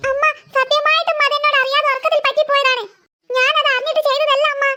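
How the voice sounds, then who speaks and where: A defensive little cartoon girl, very high and bright, quick to plead and protest. The sound is dry and close. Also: flat delivery, dry recording. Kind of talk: cartoon voice acting.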